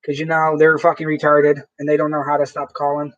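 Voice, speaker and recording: A man with a notably high-pitched voice chats casually to his live-stream viewers. He rambles, swears freely and often restarts his sentences. The sound is dull and lo-fi. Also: monotone, a little fast. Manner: rambling, profane, with frequent restarts.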